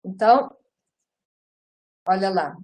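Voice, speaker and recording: A middle-aged woman gives a lively live lecture on public speaking. She often turns to her listeners and ends her phrases with tag questions. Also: mid-range voice, slow, rough recording. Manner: lively and animated, often addresses listeners as "gente".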